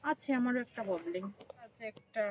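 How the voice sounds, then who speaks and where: A woman playing a bold, self-assured new bride who talks brashly and fast, in a comedy skit. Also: a little high, slight background noise, close to an everyday voice, poor audio. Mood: coaxing.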